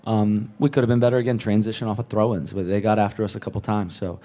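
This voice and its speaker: Low, mellow-voiced coach at a press table. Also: male voice, flat delivery. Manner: measured, repeats words while thinking. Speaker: head coach. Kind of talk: post-match press conference answers. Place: press room with a sponsor backdrop. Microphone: table mic on a stand.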